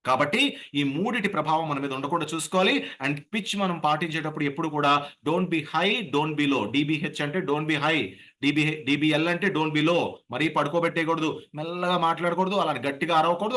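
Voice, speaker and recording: A man with a Godavari Telugu accent giving an animated lecture on voice modulation as a public speaking trainer over a video call. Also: on the high side, a little fast. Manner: animated, slips into acted voices.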